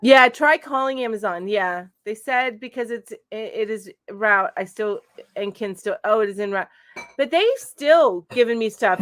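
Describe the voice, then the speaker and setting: This crochet channel host, a middle-aged woman, streams a live chat from her home in a fairly high, slightly bright voice. Comments from viewers get read out and answered casually, with lots of filler words, in her chatty way. Audio is clean studio quality, free of echo.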